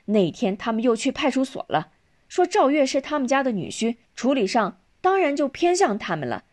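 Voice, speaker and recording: A woman's voice: high-pitched, big pitch swings, normal speed, a little mellow, voice pushed up. A woman reading the lines of an angry, hot-tempered older wife in a spoken storybook. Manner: indignant.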